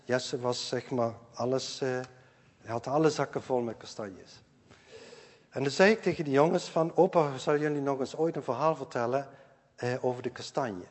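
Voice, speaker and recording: An older man, a grandfather, preaching a sermon in earnest, repeating key phrases and moving between loud stresses and quiet asides. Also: medium pitch. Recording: long hall reverb.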